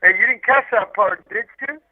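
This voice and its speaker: An incarcerated man calls in collect on a muffled, tinny prison phone line, his voice sitting high at a moderate pace. Talkative and casual, he tells rambling, slangy anecdotes and repeats himself along the way.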